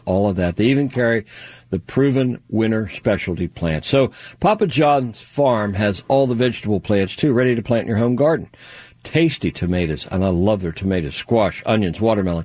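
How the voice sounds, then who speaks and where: Male radio host, husky low voice, dry dull broadcast sound, folksy live reads. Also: darkish tone, no room sound. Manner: folksy, chatty, personal asides. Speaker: radio host reading sponsor ads. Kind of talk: casual live-read radio ads.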